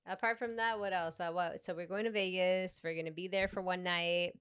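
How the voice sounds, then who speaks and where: A young woman from Peru chats on a comedy podcast. She tells animated stories, slides between English and Spanish, and laughs through her anecdotes. Her voice is smooth and clear, recorded close and dry with no room sound. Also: on the low side, a little fast, no room sound. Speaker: podcast co-host and stand-up comedian. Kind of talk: casual podcast chat.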